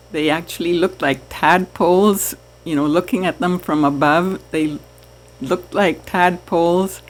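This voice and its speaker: A woman from Trinidad chatting casually to her viewers about keeping fish, with soft laughs. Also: lowish voice. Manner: slow, chatty, laughs softly. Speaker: aquarium hobby vlogger. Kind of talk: casual chat to camera.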